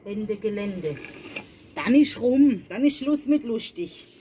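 A vlogging mom speaks to her viewers while putting plants in the ground at night, keeping it chatty and casual. Her voice is mid-range and mellow with lively intonation, she takes her time, and there's slight background noise.

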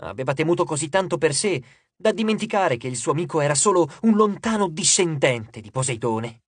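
Man, audiobook narrator, husky voice, dry studio sound, lively pitch. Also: brisk, dry recording. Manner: dramatic, shifts pitch and loudness for characters.

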